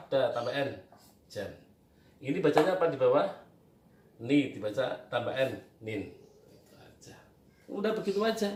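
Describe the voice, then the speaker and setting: A man teaching Quran reading at a board, patiently asking questions and answering them himself. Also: medium pitch. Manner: patient, repetitive, asks and answers his own questions. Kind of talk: whiteboard reading lesson. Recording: echoey room, distant mic, faint noise.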